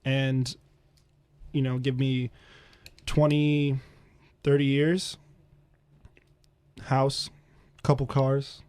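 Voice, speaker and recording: A man's voice: mid-range voice, little pitch movement, very slow, long pauses, darkish tone, smooth, no echo. A young man in his early twenties, a guest on a radio show, talking about his ambitions in an earnest, rambling way. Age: young adult. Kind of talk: casual radio interview. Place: radio studio.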